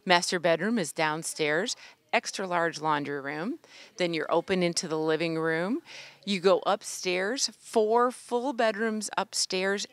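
A woman with a fairly low voice narrates an unscripted house tour as a real estate agent. She sells in short, emphatic phrases, recorded close and dry with no room sound. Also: measured pace, no echo.

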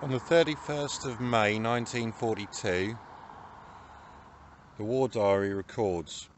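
A man's voice: fairly low pitch, unhurried. An older man narrating his vanlife travels in a chatty way, with dry self-mocking humour. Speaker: vanlife vlogger. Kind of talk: casual travel vlog narration. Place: campervan and roadside spots outdoors. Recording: noisy outdoor vehicle recording.

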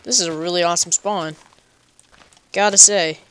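A man's voice: high-pitched, fairly even intonation, moderate pace, fairly bright tone, clean tone. A man giving casual, chatty let's play commentary, talking to himself playfully and making up goofy nicknames for animals. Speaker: gaming channel host.

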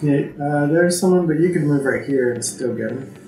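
Calm game master, higher voice. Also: male voice, moderate pace, roomy sound, soft background music, rough recording. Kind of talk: running a tabletop game.

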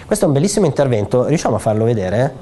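A man with a mellow, medium-pitched voice explains a proposed law to an audience in a theater. He talks conversationally, pausing on fillers and restarting sentences as he goes. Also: very animated. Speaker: speaker presenting a bill at a public conference. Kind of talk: explanatory public talk. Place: theater hall.

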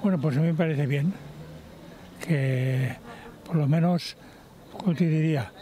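A man's voice: on the high side, measured pace, mellow, slight background noise. An older man interviewed on a town street who hesitates and searches for his words. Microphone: handheld reporter mic.

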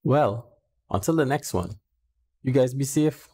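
Using a headset boom mic in a small home room, a channel host explains things plainly and directly to viewers during a casual tech demo. His medium-pitched voice is a little slow, mellow, and breathy, with faint birds chirping behind him.

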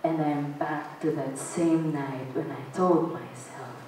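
Young woman, spoken-word poet, slow deliberate pacing, low-ish voice, very echoey hall, heard from far off. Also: fairly even intonation, slight background noise. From Philippines. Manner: slow, dramatic delivery with shouted outbursts. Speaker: performance poet. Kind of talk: spoken word poetry performance. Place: stage in a large hall. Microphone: stand mic, filmed from a distant camera.

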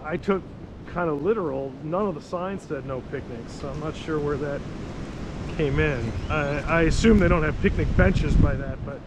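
Man, casual hiking chat, joking, outdoors, fairly high voice, wind noise. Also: normal speed. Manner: joking, laughs often. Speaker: hiking vlogger. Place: outdoors on a wooded trail.

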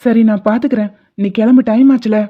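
A woman voicing an anxious, lovesick young college man in an animated drama, speaking in a worried, hesitant way. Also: a little high, fairly quick, close to an everyday voice. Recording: dull lo-fi audio.

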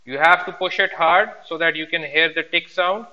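A man's voice: on the high side, normal speed, bright, forceful tone, slight background noise. A man giving step-by-step practical instructions as a teacher, mixing two languages as he demonstrates. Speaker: sewing instructor. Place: indoor workroom at a sewing machine. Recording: dull, reverberant room sound.

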